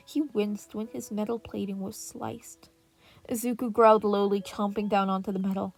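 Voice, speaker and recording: Over relaxing piano music with birdsong, a woman narrates scripted fan fiction as a podfic reader. Her voice is medium-pitched and slightly mellow.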